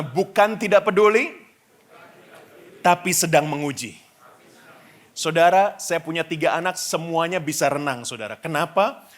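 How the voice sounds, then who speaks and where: Male pastor, middle-aged, high-pitched, lively sermon with frequent asides to the congregation. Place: church stage before a congregation.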